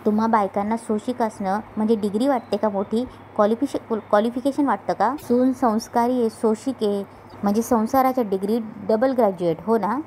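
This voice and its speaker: A woman voicing a hot-tempered young husband who scolds bluntly, slow and raised. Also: a little high, a little mellow, slight background noise, lightly acted, rough recording. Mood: mocking.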